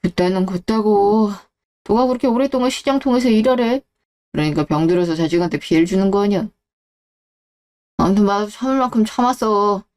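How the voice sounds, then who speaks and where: A woman's voice: medium pitch, a little fast, a little mellow, close to an everyday voice. A woman voicing a callous, selfish middle-aged husband who talks scornfully and dismissively. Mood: contemptuous. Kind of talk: Korean audio drama reading.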